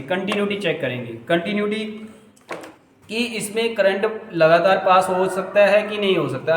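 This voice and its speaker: High-voiced man teaching fan repair. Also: roomy sound, slight background noise. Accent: Hindi. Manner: talks while working, rhetorical questions, repeats "ठीक है". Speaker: electrical repair instructor. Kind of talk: hands-on repair tutorial.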